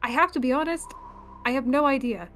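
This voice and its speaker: Woman as a nervous adventurer cook, high voice, hesitant, polite, flustered. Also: a little fast, fairly bright tone, slight background noise.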